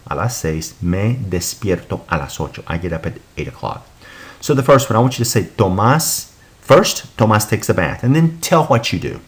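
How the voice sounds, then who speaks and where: A man teaching a recorded Spanish lesson, patiently explaining and repeating examples before translating them. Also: deep voice.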